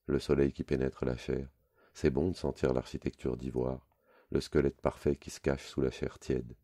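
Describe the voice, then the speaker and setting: A man reading a literary story aloud in a measured, low, intimate way. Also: little pitch movement, creaky, mellow. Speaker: reader.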